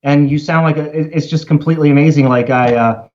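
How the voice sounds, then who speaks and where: A man from Baltimore, a musician guest on a podcast, telling animated, rambling stories in casual chat. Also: a little high, fast, dull audio. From Baltimore, USA.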